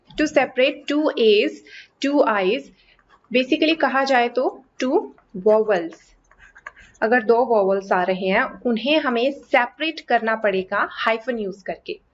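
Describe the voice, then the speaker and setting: A woman teaching a lesson on English prefixes and hyphens, explaining step by step and saying example words slowly and carefully. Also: high voice. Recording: slightly dull lo-fi recording with faint background noise.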